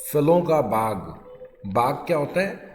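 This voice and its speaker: A male English teacher giving a grammar lesson, dictating English phrases slowly and explaining briskly in Hindi. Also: fairly high pitch, lively intonation, a little hiss or hum. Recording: echoey room with long reverb.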